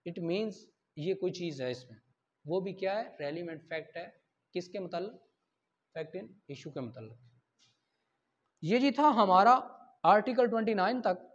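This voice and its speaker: A high-voiced man with a Pakistani accent, expressive and unhurried with long pauses, lectures as a law teacher. He explains through examples and self-posed questions he answers, code-switching into English terms. The recording is dull, lo-fi lecture audio.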